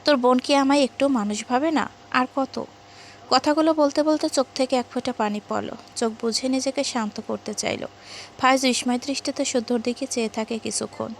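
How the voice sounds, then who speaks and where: A woman narrating a romance story in a steady, expressive storytelling voice. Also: on the high side, slight background noise.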